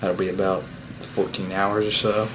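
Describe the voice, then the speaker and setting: Low, flat-voiced man recapping a hunt. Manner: relaxed, unhurried, many "uh" fillers. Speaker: bowhunter and channel host. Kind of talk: casual hunting vlog talk. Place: at home after the hunt. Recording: steady background noise.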